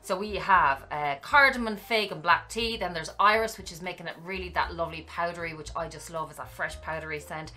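A woman's voice: fairly low pitch, fairly quick, hardly any pauses, sharp tone. A woman chatting to camera as a luxury handbag and fragrance vlogger, effusive and full of thanks to her viewers. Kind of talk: casual vlog chat to camera.

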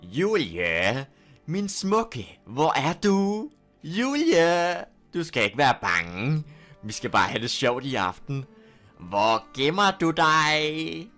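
A man's voice: fairly low pitch, sing-song, bright, forceful tone, faint music behind. A man doing a taunting killer Santa. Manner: taunting, drawn-out sing-song calls. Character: menacing fake Santa, male axe killer.

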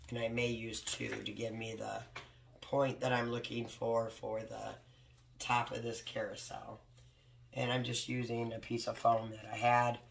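A man with a hoarse voice from a cold, casually talking through a craft project step by step as he works. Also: medium pitch, a little hiss or hum. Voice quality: gravelly. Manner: talks while working, moving near and far from the mic. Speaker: craft tutorial host.

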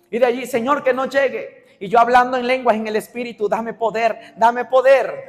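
A young man from Mexico, preaching an impassioned sermon as pastor, dropping to hushed asides and rising to shouted exhortation. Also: very high voice. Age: young adult. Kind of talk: evangelical sermon. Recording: long church-hall reverb.

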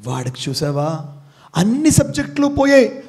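A man giving a motivational speech to students in a college hall. He calls out questions to the crowd and swings from loud to hushed. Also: high voice, big pitch swings, normal speed. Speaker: motivational speaker. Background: student audience.

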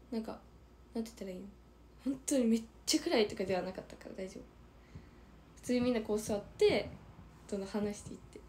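A young-sounding woman with a Kansai accent streams live, her slightly high voice hoarse and strained as she chats and reads viewer comments aloud. She keeps slipping into a breathy near-whisper between brighter bursts, with a faint hum of room ambience behind her. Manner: chatty, often dropping into a breathy whisper. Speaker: idol livestreamer. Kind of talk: casual livestream chat reading viewer comments.

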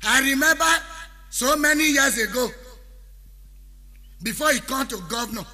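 High bright Nigerian Pidgin preacher-singer. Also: male voice, moderate pace. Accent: Nigerian Pidgin, Edo. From Benin City, Nigeria. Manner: preachy, proverb-laden, half-sung. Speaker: highlife musician. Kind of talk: spoken-word chant over music. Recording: long reverb with backing music.

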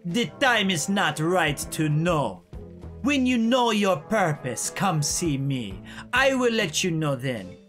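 A man voicing an ominous female fortune-teller in a put-on Jamaican accent, drawing out her prophecies slowly. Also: high voice, big pitch swings, a bit bright, soft background music, exaggerated voice. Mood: mysterious. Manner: slow, drawn-out prophetic delivery. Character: slow mystic fortune-teller woman, ominous.

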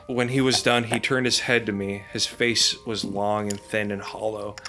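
A man's voice: on the low side, level tone, normal speed, sharp tone, slight background noise. A man hosting a podcast, reading a scary campfire story aloud with dramatic delivery. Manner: dramatic reading broken by laughter. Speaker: podcast host.

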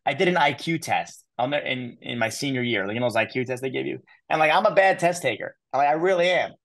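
A man in his thirties, a guest in an interview, telling his story in an animated way, restarting and quoting others. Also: medium pitch, fast, vocal fry, no echo. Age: 30s. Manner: animated, repeats words, quotes people in his story. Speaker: guest speaker.

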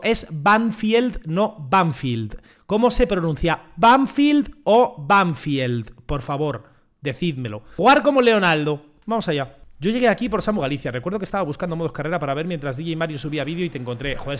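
A young gaming YouTuber with a Spain Spanish accent and a voice on the high side commentates his own football match. He's casual, excitable and slangy, and shouts whenever he scores.

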